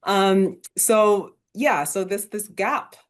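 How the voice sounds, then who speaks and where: A woman's voice: mid-range voice, extremely slow. A woman who grew up in Kenya, speaking as a literary translator on an online panel, thoughtful and hesitant with many fillers and restarts. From Sierra Leone and Uganda, raised in Kenya. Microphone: video call.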